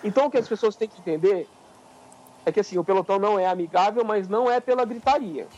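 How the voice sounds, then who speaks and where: Um homem com sotaque brasileiro, coapresentador, contando histórias com exaltação e muito palavrão. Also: male voice, high-pitched, quick pace, darkish tone, dull audio. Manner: heated storytelling, swears freely. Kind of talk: casual chat.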